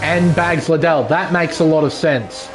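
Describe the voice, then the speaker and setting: A man's voice: on the high side, a little slow, loud music behind the voice. A man doing live motorsport commentary, calling the race action move by move. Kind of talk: live sim racing commentary. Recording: loud vehicle noise behind. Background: racing car engine noise.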